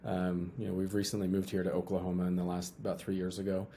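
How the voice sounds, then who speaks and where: A man's voice: low voice, completely flat delivery, fast talker, mellow, slight background noise. A young man from Utah, a guest talking casually in an interview, often repeating and restarting his phrases.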